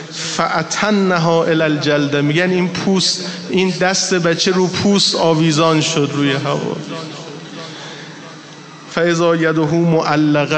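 High-voiced man preaching in a reverberant hall. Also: fairly bright tone. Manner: impassioned, emphatic storytelling to a live audience. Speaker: mourning preacher. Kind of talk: Muharram mourning sermon. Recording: reverberant hall with faint ambience.

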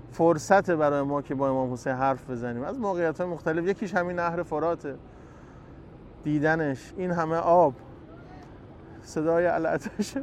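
A man preaching a sermon outdoors, chanting quotations slowly and building with emotion. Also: on the high side, slight background noise. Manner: impassioned, chanting Arabic quotes slowly with rising emotion.

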